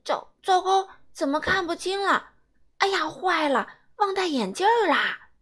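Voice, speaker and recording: A woman voicing a heroic superhero dad in a read-aloud children's story, loud and commanding. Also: very high-pitched, expressive, a little slow, voice pushed up, heavily acted. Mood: flustered.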